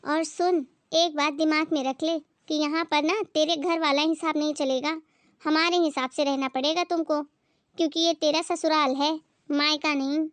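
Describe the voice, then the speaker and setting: A haughty mother-in-law who scolds and looks down on everyone, voiced by a woman. The voice sits high and bright, and the recording is close and dry with no room sound. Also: fairly even intonation, moderate pace, no room sound, lightly acted. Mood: scolding. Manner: scolding, condescending. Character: bossy haughty middle-aged mother-in-law. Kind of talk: Hindi moral story voice acting.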